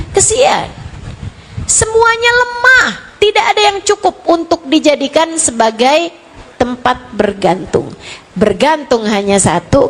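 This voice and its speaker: Female preacher, slow and high-pitched, acting out prayers in an expressive sermon. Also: a little hiss or hum. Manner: expressive, acts out prayers and crying children, swings from soft to loud. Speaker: Islamic preacher. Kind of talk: sermon to women.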